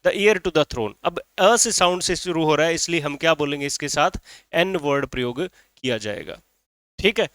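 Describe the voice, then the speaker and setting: A man's voice: on the high side, lively intonation, moderate pace, fairly bright tone, dry recording, studio quality. A man teaching a grammar lesson in Hindi, who keeps saying "ठीक है" and asks and answers his own questions.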